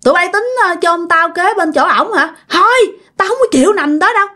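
Brief: woman doing a possessed old grandmother, shrill and wailing, pitch swooping high. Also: expressive, a little fast, pushed and bright, full character voice. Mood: indignant. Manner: shrill, scolding, lamenting.

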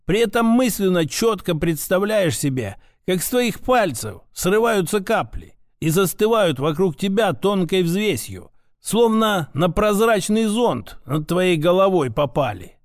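A man voicing a stern old grandfather who calmly teaches magic in an audiobook. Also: high voice, no room sound, studio quality. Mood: instructive. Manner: calm, instructive, measured. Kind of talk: audiobook character voice.

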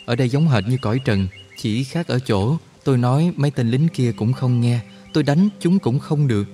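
A man voicing an excitable young male soldier who talks fast and his voice shoots up into high, agitated exclamations. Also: natural voice. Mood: anxious.

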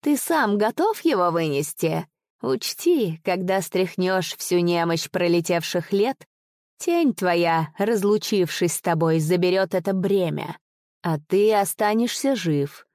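A woman's voice: fairly low pitch, animated, slow, darkish tone, no echo, studio quality. A woman voicing a mocking, inhuman male spirit with a damp, rusty voice in an audiobook. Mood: taunting. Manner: mocking, taunting.

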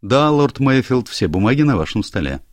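In an audiobook, a man voices a young, anxious male secretary who stammers and is eager to please. The delivery is medium-pitched with big swings, a moderate pace, and a voice pushed up yet natural-sounding, recorded with no room sound.

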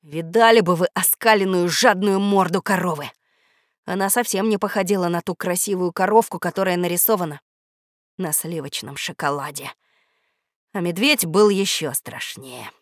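A woman narrating a children's audiobook in a lively, expressive manner. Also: on the low side, moderate pace, dry recording, clean studio sound.

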